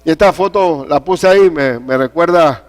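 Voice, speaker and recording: Older male pastor, high-pitched preacher. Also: normal speed. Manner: animated preaching with storytelling and questions to the congregation. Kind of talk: sermon.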